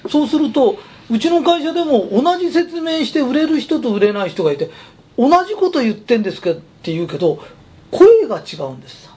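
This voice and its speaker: A man's voice: very high-pitched, sing-song, fairly quick, a little mellow, breathy edge. A man who runs a company, giving a chatty, emphatic motivational talk. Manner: chatty, emphatic, persuasive storytelling. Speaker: company president.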